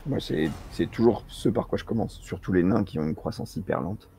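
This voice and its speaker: A man's voice: deep voice, animated, fairly quick, creaky, warm tone. A man chatting casually with a partner while playing a co-op strategy game. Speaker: co-op gaming partner.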